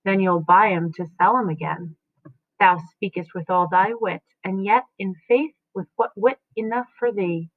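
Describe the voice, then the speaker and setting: A woman's voice: mid-range voice, unhurried, no room sound. A woman reading the lines of a noble mother, bitter and tender by turns. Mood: teasing. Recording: tinny phone-like dry sound.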